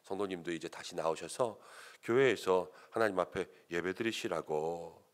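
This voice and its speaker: A man's voice: low voice, normal speed. A male pastor telling a story in a sermon, acting out the voices of the people in it. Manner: animated, acts out quoted voices of others. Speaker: senior pastor.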